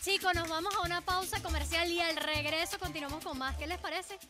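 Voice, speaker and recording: A woman's voice: very high-pitched, fairly even intonation, a little fast. A young woman hosting a live web TV interview in a studio, chatty and prompting with many follow-up questions. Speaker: host. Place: TV studio set. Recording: studio broadcast with music behind.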